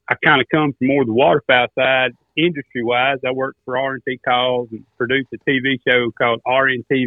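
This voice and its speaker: A man's voice: mid-range voice, dry recording. A middle-aged or older man with an Arkansas Southern accent and a folksy drawl, telling stories casually as a guest. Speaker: guest, duck caller and turkey hunter. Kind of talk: casual storytelling interview. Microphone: remote phone call. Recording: tinny, narrow phone line.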